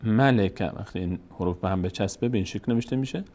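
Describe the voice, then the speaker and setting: A man with Persian as his first language teaching Arabic reading in a recorded lesson, sounding out letters and words one at a time in a slow, deliberate way. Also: low voice, warm tone.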